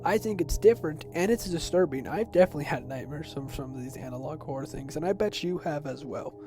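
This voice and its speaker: A fast-talking young man with a higher-leaning voice narrates an informal, personal explainer video essay. He seems to be in his teens or young adulthood, the delivery is semi-scripted, and there's background music.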